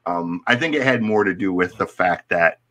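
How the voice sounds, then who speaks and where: A man hosting a podcast, telling relaxed anecdotes in casual chat. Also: sits low, moderate pace. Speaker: podcast host.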